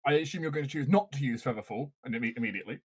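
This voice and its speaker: A man's voice: medium pitch, very fast, slightly rough. A man running a tabletop game as game master, describing scenes and ruling on actions.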